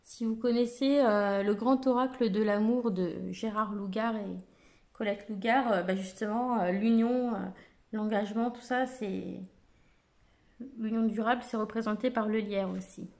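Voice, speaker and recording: A woman's voice: mid-range voice, fairly even intonation, a little slow, a little mellow. A woman casually presenting an oracle card deck, reading out lists of keywords with frequent hesitations and fillers.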